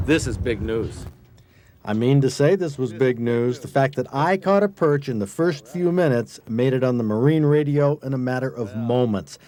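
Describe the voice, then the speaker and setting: Man, American accent, mellow tone, medium pitch, folksy conversational delivery, scripted feature narration, reporter and host. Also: normal speed, few pauses.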